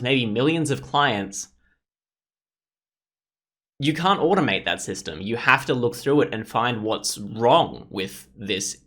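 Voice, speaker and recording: A gaming YouTuber plays a story game, chatting casually, reading its text aloud and frequently thinking out loud. His voice is a little high with a fairly bright tone.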